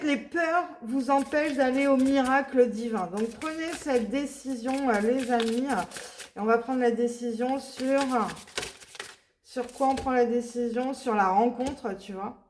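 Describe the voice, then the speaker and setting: High-voiced woman doing a loose, chatty card reading; filler-heavy, blunt, faint hiss behind. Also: a little slow. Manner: rambling, many fillers, blunt asides. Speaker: tarot reader. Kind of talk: casual spoken card reading.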